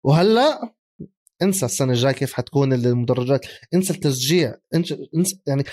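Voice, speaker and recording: A man, co-hosting a casual sports chat. He is animated, laughs often and mixes English phrases into his speech. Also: mid-range voice, racing. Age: 30s. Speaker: podcast co-host.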